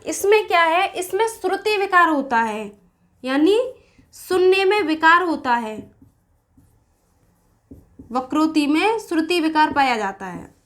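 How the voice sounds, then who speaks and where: Slow, high-voiced woman teaching grammar. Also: a bit bright. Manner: explains slowly, asks and answers her own questions. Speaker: Hindi teacher. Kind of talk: exam-prep grammar lesson.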